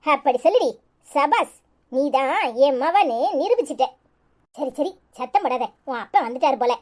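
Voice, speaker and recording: Woman as a bossy, scheming cartoon mother, Tirunelveli accent, hushed and high-pitched. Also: lively intonation, normal speed. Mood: conspiring. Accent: Tirunelveli Tamil. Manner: low-voiced, conspiring.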